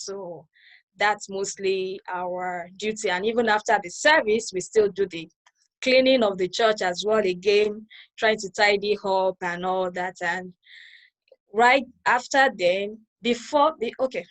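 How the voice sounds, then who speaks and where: A new church member from Lagos, speaking with a Nigerian accent, explains her personal story conversationally in a video call interview and keeps circling back to clarify. Her voice is mid-range, and the recording quality is low.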